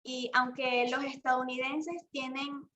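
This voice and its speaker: A young woman reading a class presentation aloud haltingly, correcting herself as she goes. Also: sits high, little pitch movement, sharp tone, a little hiss or hum. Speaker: university student presenting.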